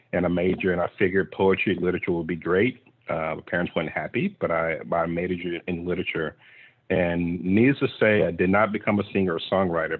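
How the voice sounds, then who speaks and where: A man's voice: low voice, breathy edge. A man from Texas speaking on a panel as a clean tech investor, telling his story in an earnest, reflective way over a video call. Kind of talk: conversational panel talk. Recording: tinny video-call audio.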